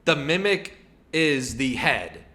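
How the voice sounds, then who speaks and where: A man's voice: medium pitch, sing-song, slow pace, sharp tone. A man commenting casually on a live stream, rambling and hedging with lots of fillers. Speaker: streamer reacting to a video.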